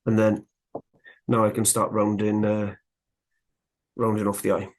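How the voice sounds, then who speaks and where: A man gives a live woodcarving tutorial, talking casually as he carves. His voice sits low and stays fairly flat in pitch. He sounds slightly out of breath from the work. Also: measured pace. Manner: relaxed, chatty, talks while working. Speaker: woodcarving instructor.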